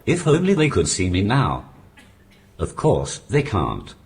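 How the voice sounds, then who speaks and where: A man doing a stand-up routine through a text-to-speech communication aid, with flat, deadpan delivery on a live stage. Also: lowish voice, unhurried. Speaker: stand-up comedian. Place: comedy stage before a live audience. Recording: noisy live venue recording.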